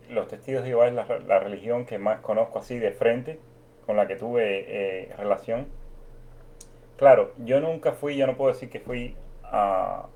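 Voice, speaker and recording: A man from Cuba, host of his own channel, being interviewed and telling his story in an unhurried, reflective way. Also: fairly low pitch, dark tone. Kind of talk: casual conversation.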